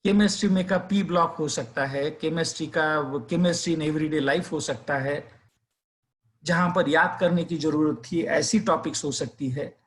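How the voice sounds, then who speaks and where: Here a man with a somewhat high, slightly bright voice speaks at an unhurried pace. He's a teacher who spins a suspenseful tale before earnestly pressing his students to revise, so the talk blends storytelling and motivational advice.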